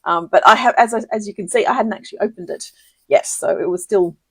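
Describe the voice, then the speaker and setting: A woman hosting a casual live crafting tutorial, chatty and giggly, with many ums and quick self-corrections. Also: medium pitch, husky, no room sound. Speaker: papercraft demonstrator hosting a live video.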